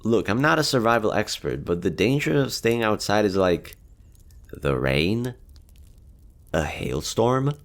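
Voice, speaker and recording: A man with a lowish, sing-song voice speaks at a measured pace, playing a lonely, easygoing survivor of a nuclear apocalypse in an audio roleplay. He talks casually and candidly, with some hesitation, in a relaxed, upbeat mood.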